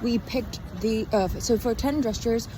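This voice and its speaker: A young woman hosts a podcast like a casual diary while walking outdoors in a town, sounding tired, halting and unhurried, often trailing off mid-thought. Her voice is fairly high. The recording is clearly noisy, with passing cars, traffic and urban ambience around her.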